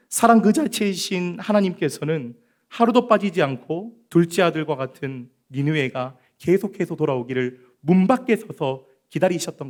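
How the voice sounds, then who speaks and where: Male pastor, sermon from the pulpit mic, high-pitched and animated, earnest. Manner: earnest, addresses listeners directly, rises and falls sharply in loudness. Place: church sanctuary.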